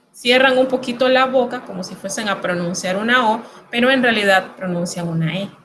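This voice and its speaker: A woman's voice: a little high, a bit bright, a little hiss or hum, rough recording. A woman teaching French pronunciation in Spanish, patient and reassuring as she explains each sound step by step. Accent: Latin American Spanish. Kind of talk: recorded lesson explaining pronunciation.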